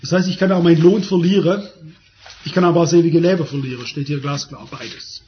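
A man's voice: fairly high pitch, fast talker, a little hiss or hum. A man preaching a sermon, emphatic and repeating phrases for stress. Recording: dull lo-fi sermon recording.

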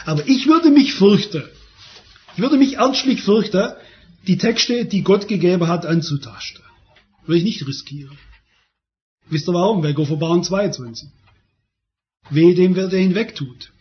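A man's voice: sits high, expressive, normal speed, long pauses. A man preaching a sermon, emphatic and repeating phrases for stress. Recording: dull lo-fi sermon recording.

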